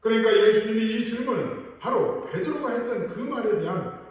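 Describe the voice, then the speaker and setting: A man's voice: high-pitched, expressive, normal speed. A male pastor preaching a sermon earnestly and putting rhetorical questions to his congregation. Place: large church sanctuary. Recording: echoey hall, voice from far off.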